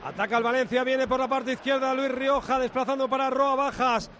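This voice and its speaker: A man's voice: very high-pitched, steady tone, brisk, fairly bright tone, a little hiss or hum. A man calling a live football match on the radio, play by play.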